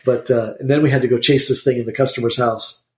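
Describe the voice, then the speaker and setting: A man, talking as a guest in a casual interview. He is an insulation contractor who rambles through his stories at a quick clip, and his mid-pitched voice bounces around an echoey room. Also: fairly even intonation. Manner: chatty, rambling, quick storyteller.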